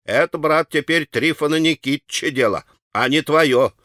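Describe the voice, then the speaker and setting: A man's voice: a little high, normal speed, sharp tone, no room sound, studio quality. A man voicing a self-assured, mocking teenage boy in an audiobook. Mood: cocky. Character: cocky clever teenage boy, bossy.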